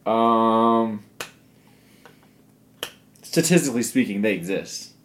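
A man's voice: fairly low pitch, expressive, takes it slowly, fairly bright tone. A man co-hosting a podcast in casual chat, teasing and joking with his friend. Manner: playful, teasing, laughing often. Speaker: podcast co-host.

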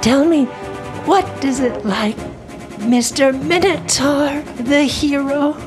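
A man voicing a naive fifteen-year-old dying boy soldier in a tabletop game, wistful and plaintive. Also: extremely high pitch. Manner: slow, plaintive. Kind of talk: improvised tabletop game role-play. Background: music.

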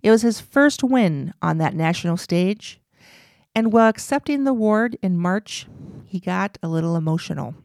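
A woman hosting a radio show, reading scripted narration in a clear, measured way. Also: lowish voice, animated, a little mellow, no room sound, studio quality. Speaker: radio host.

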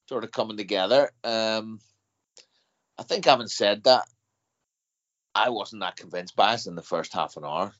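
A man with an Irish accent giving casual, measured football analysis as a podcast guest, with some hesitation. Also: sits low, fairly bright tone. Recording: dull lo-fi remote podcast sound.

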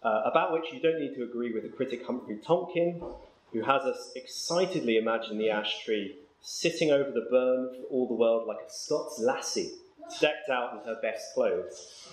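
A man giving an academic lecture, hesitating with ums and reading verse slowly and with care. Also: mid-range voice, echoey room, rough recording. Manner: slow, measured reading of verse, then brisk explanation with ums.

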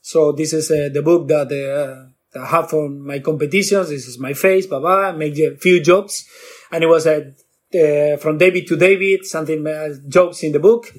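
Animated man telling stories. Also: normal speed. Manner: acts out quotes with jumps in pitch, non-native grammar. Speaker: guest bartender. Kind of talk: animated storytelling.

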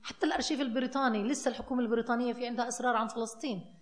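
A woman's voice: fairly high pitch, fairly even intonation, racing, echoey room. A woman researcher with a Palestinian Arabic accent explains informally, switching between Arabic and English words and phrases. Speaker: researcher speaking on a panel.

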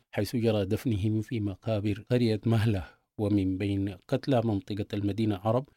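A man's voice: fairly low pitch, mellow, no room sound, studio quality. A man reading scripted radio news as a presenter.

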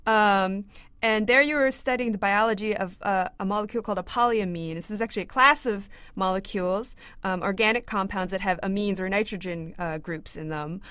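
A woman's voice: medium pitch, fairly quick, a bit bright, smooth, dry recording. A woman in her twenties hosting a science interview, asking questions with frequent "um" and "uh" fillers. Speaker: interview host, graduate student. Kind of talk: scripted intro then interview questions. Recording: dry close mic with faint music.

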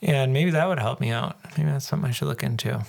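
A man co-hosting a podcast in casual chat, cracking deadpan jokes and teasing his partner. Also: medium pitch, quick pace, creaky. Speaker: podcast co-host.

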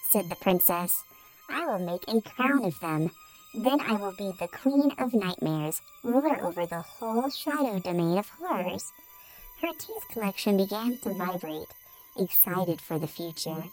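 A woman's voice: mid-range voice, poor audio. A woman voicing a polite home assistant AI reading a bedtime story aloud in an audio drama. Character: cheerful home assistant AI, female.

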